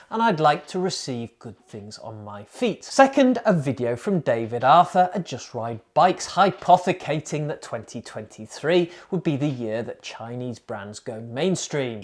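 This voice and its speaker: A man narrating a scripted cycling gear review, full of dry, self-mocking wordplay. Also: medium pitch. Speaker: cycling vlogger.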